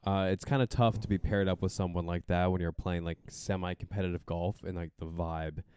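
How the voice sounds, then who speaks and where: A man's voice: low voice, steady tone, a little fast, a little mellow, slight background noise. A man co-hosting a podcast, chatting casually with short reactions and follow-up questions. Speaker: podcast co-host. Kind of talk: casual chat, reacting and asking.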